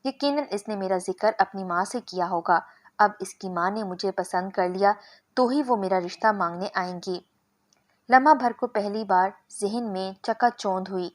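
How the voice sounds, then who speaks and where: A woman narrating a scripted first-person story in a measured, steady way. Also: mid-range voice.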